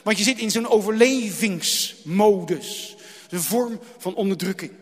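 A man preaching a sermon in a dramatic manner, repeating phrases and swinging between loud and hushed delivery. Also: high voice, measured pace, breathy edge. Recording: long hall reverb.

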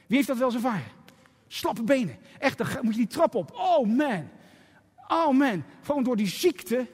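A man's voice: extremely high pitch, slightly rough. A middle-aged man preaching a sermon as a pastor, emphatic and full of rhetorical questions. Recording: echoey hall with faint music.

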